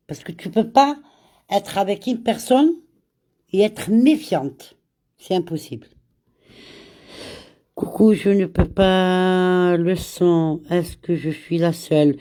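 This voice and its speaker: Hosting a casual live stream while fighting a cold, a woman with a mellow voice on the low side speaks slowly and repeats words. She greets viewers by name and slips in Arabic greetings.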